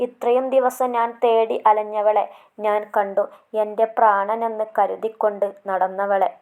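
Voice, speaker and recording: A woman's voice: mid-range voice, level tone, unhurried, phone-quality sound, close to an everyday voice. A woman voicing a heartbroken weeping young man. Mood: grieving. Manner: tearful, lamenting.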